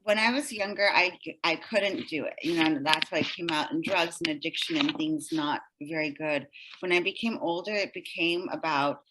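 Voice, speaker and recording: Over heavy background noise, a middle-aged woman with a deep voice speaks at a moderate pace as a podcast guest. An energy healer, she explains things earnestly in this heartfelt interview, often checking in with the listener.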